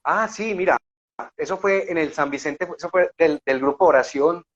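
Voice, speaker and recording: A man's voice: fairly high pitch, moderate pace, fairly bright tone, highs cut off. A man with a Colombian accent, a guest sharing a faith testimony in conversational storytelling, fervent and emotional, often checking in with his listeners.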